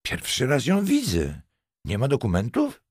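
A man's voice: mid-range voice, huge pitch swings, a little slow, breathy edge, no room sound, studio quality, pitched above the performer's own voice, full character voice. A man reading the part of an agitated, indignant driver defending himself. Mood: defensive.

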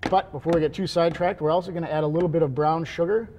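A man's voice: fairly high pitch, steady tone, racing, mellow. A man working as a chef, giving an easygoing, joking cooking demonstration on a TV studio kitchen set.

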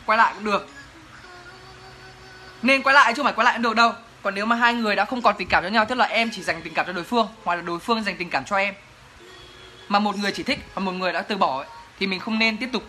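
A man's voice: sits high, fast, sharp tone, faint music behind. A young man, chatting playfully in a casual Q&A vlog. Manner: playful, joking, chatty with laughs. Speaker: vlogger. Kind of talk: casual Q&A chat to camera.

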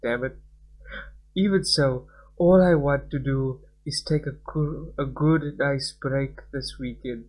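A man's voice: mid-range voice, slow, rough recording. A young man doing a casual let's-play, reading game text aloud and breaking off into rambling commentary. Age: young adult. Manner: rambling, self-interrupting. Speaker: gaming channel host. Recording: music behind the voice.

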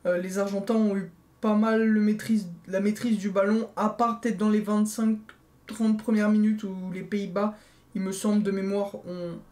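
A young man recapping a football match in casual chat, animated, repeating phrases for emphasis and calling viewers guys, filmed on a webcam in his bedroom. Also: high-pitched, moderate pace. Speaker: football video creator. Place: bedroom, indoors, small.

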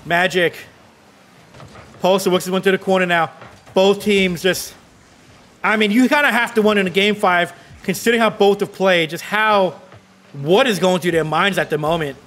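A man casting esports play-by-play, calling the action in rapid, excitable bursts and sounding out of breath. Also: high-pitched. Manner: rapid excitable calls, rising to yells on goals. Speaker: play-by-play caster.

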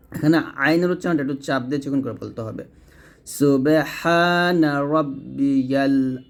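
A man at a medium pitch explains, step by step, how each word of the prayer should sound. He slows down and stretches syllables to demonstrate, then corrects common mistakes and speaks straight to the listener. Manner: explains slowly, drawing out words to demonstrate pronunciation; repeats and corrects, addressing the listener directly. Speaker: teacher of prayer recitation. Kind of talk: instructional explanation.

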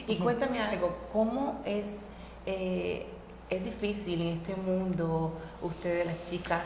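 A young woman host leads the interview with quick questions and brief prompts. Her voice sits slightly low, and the room is echoey with a long tail. Faint noise hums underneath. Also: fairly even intonation. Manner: brisk, short prompts and questions. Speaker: talk show host. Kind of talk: hosting an interview. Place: TV studio set.

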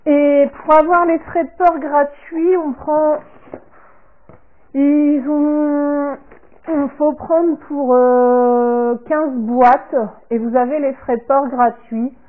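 A woman vlogger showing a product order in casual talk, halting and trailing off softly after each item. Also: high voice, fairly even intonation. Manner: slow and halting, repeats "comme ceci" and "voilà", trails off softly. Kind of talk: casual unboxing talk to camera. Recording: tinny phone-like sound.

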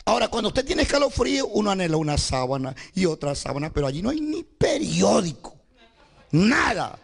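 High-pitched gravelly preacher man, shouting. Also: sing-song, fairly quick. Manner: dramatic, often bursts into shouts; rallies the congregation to clap. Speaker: testimony speaker at a church service. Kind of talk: dramatic testimony preaching.

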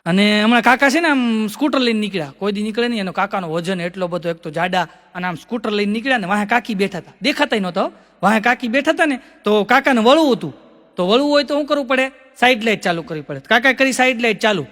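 A man's voice: sits high, lively intonation, quick pace, fairly bright tone, big-room sound. A male stand-up comedian, telling stories in a chatty way and acting out the voices he quotes. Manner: chatty, acts out quoted voices, laughs at his own punchlines. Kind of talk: live stand-up storytelling.

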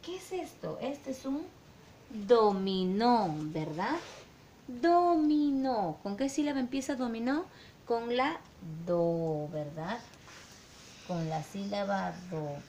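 A kindergarten teacher leads a virtual phonics lesson for young children, drawing out syllables in a sing-song way and checking in with her class often. Her slightly slow, slightly mellow voice swings widely in pitch, recorded in an echoey room with a faint rumble.

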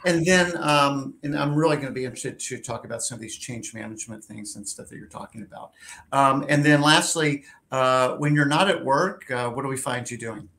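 A man's voice: medium pitch, a little fast, gravelly, bright, forceful tone. A man in his fifties hosting an interview over a video call from a home office, upbeat and conversational with a few fillers. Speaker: host. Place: home office with a wooden door. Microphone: webcam on a video call.

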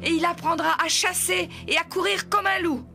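A woman's voice: very high voice, steady tone, normal speed, creaky, soft background music, voice pushed up, heavily acted. A woman voicing a mother wolf who fiercely protects her adopted cub in a storybook reading. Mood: defiant. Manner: gentle, then fiercely defiant.

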